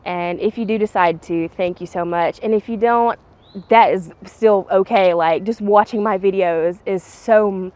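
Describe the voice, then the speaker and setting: A woman's voice: medium pitch, moderate pace, a little mellow, lo-fi sound. A woman hosting a casual ghost-hunting vlog outdoors, chatting informally to viewers and calling out questions to spirits. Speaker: ghost-hunting vlogger and host. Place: outdoors at a bridge. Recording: clear background noise, clicks.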